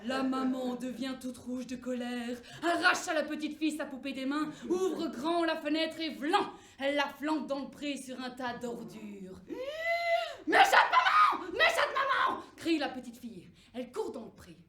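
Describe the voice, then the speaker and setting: A woman's voice: sits high, normal speed. Young woman storytelling onstage, playful and laughy, echoey room. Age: young adult. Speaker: drama student. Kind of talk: theatrical storytelling. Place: theater stage.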